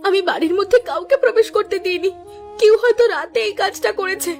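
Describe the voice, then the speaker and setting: A woman's voice: extremely high pitch, fast, a little mellow, faint music behind. A woman voicing a timid young daughter-in-law in a cartoon, crying and pleading to be believed. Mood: tearful. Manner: pleading, tearful. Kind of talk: cartoon dubbing.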